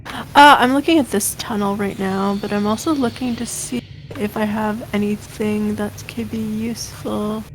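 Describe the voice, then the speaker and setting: A woman's voice: mid-range voice, steady tone, moderate pace, slight background noise, low-quality recording. A woman chatting casually as a player in a tabletop game. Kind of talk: casual chat.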